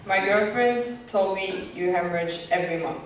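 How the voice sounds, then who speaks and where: A young woman performing a stage monologue in a measured, plain way. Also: medium pitch, close to an everyday voice. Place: stage in a hall. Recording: echoey hall from far off, some noise.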